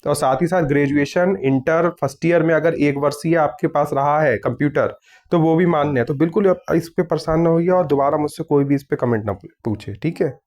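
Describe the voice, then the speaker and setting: A man's voice: a little high, brisk, a little mellow. A young man who runs an exam news channel, answering viewer comments one after another in a casual, firm way. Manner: reads comments aloud and answers firmly, with many "theek hai".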